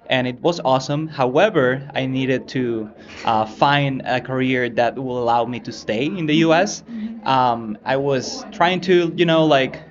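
A man from Venezuela being interviewed as a guest on a conference floor. He talks in a relaxed, unhurried way with plenty of fillers. Clear crowd chatter surrounds him, and the sound is slightly muffled. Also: mid-range voice. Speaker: guest, education company manager. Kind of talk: conversational interview.

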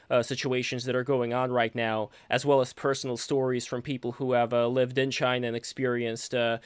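Man, live stream host, from the Soviet Union, casual, upbeat, smooth voice, dry close sound. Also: mid-range voice, no room sound. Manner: upbeat, filler-heavy introductions.

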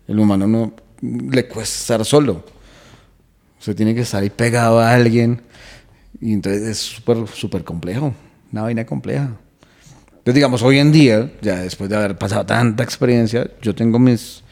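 A man's voice: fairly low pitch, darkish tone. Man, comedian guest, reflective and earnest in casual chat. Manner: earnest, reflective, explains at length. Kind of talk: casual podcast conversation.

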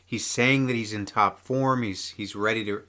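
A man's voice: on the low side, fairly even intonation, normal speed, sharp tone. A man co-hosting a podcast, rambling through casual sports chat with lots of fillers. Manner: chatty, rambling, many fillers. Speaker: podcast co-host.

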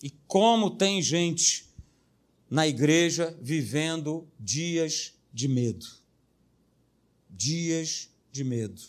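A man's voice: fairly high pitch, animated, very slow. A male pastor preaching a sermon, emphatic and repetitive, hammering single words and tossing in jokey asides.

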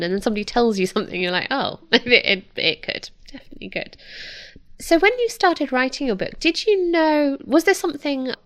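A woman hosting an interview, friendly and agreeing, asking long searching questions. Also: a little high. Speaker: interviewer, host. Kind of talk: conversational interview.

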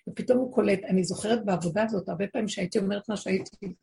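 A woman's voice: mid-range voice, gravelly, dark tone. A woman teaching a religious lesson, explaining with frequent rhetorical questions to her listeners and acting out voices she quotes. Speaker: spiritual teacher.

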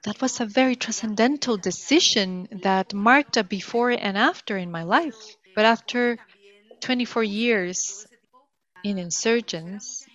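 A woman interpreting live, speaking in the first person for a guest at a medium pitch. Her delivery is steady, with small restarts as she keeps pace. The remote audio sounds dull and lo-fi. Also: a little slow.

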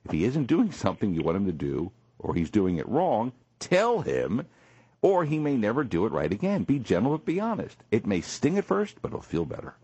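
A male radio show host in a morning talk show, animated and jokey, with a husky voice. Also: fairly quick, no echo, lo-fi sound. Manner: animated, jokey, swings high for emphasis. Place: radio studio.

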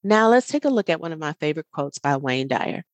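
A woman with a low voice hosts a reflective self-help talk. She speaks to the listener directly, earnest and encouraging, with a smile you can hear. The recording is close and dry. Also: big pitch swings, quick pace, dry recording. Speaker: podcast host.

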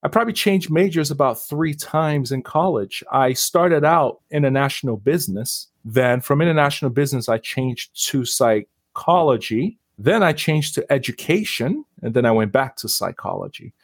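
A Nigerian man, a councillor and author, is a guest on a podcast interview, speaking in a friendly, reflective way and laughing easily. His mid-range voice is recorded at studio quality with no echo.

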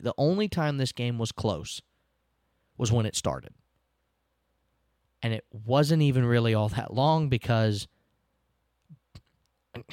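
A man's voice: mid-range voice, darkish tone, no echo, studio quality. A man, hosting a casual sports podcast, recapping games in a chatty, self-deprecating way and laughing now and then.

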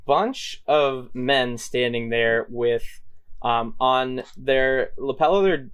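Casual male game master, mid-pitched, rambling narration. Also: slow pace, smooth. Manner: loose, filler-heavy narration.

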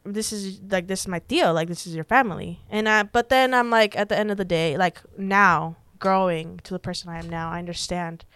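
A woman's voice: mid-range voice, a little fast, few pauses, fairly bright tone, smooth, no room sound. A young woman, a podcast guest telling a personal story in a chatty way, full of "like" and quoted dialogue. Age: young adult. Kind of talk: casual storytelling.

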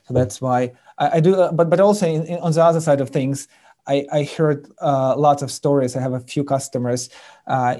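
A man from Ukraine with a Ukrainian accent, a sales executive speaking as an interview guest, halting with many fillers and restarts. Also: mid-range voice, warm tone. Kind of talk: interview conversation.

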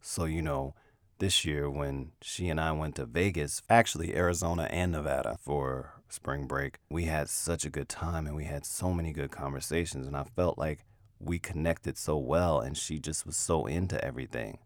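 A man voicing his ex-wife as she gushes in a rambling, chatty way about a trip, in a very deep voice. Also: normal speed, no echo, clean studio sound. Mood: gushing.

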